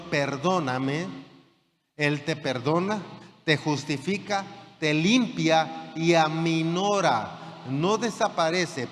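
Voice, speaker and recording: A man's voice: on the high side, slight background noise. A man preaching a sermon as pastor, building fervor and checking that the congregation follows. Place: church hall. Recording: church hall reverb with faint room ambience.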